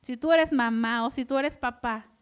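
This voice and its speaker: High-voiced woman preaching a sermon. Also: moderate pace, clean tone. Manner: animated, asks the audience questions.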